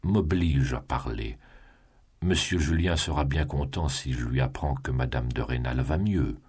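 A man reading the part of a greedy male jailer who speaks softly and slowly in a falsely sweet, ingratiating way. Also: a bass voice, slightly rough, exaggerated voice.

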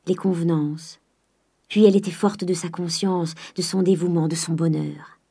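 Breathy, mellow woman narrator. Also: fairly low pitch. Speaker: audiobook narrator. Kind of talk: scripted narration of a classic novel.

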